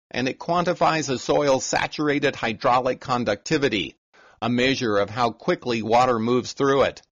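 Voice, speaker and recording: A man hosting an agricultural podcast, reading a scripted narration in a measured, informative way. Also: mid-range voice, a bit bright, no room sound, lo-fi sound. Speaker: podcast host and farm reporter.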